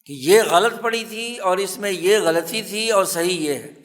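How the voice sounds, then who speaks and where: A man's voice: high-pitched, a bit bright. Man teaching in a reverberant hall. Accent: Pakistani Urdu. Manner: slow, measured storytelling with emphatic repetition. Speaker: religious scholar teaching hadith. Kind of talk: formal religious lecture. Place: lecture hall at a religious institute.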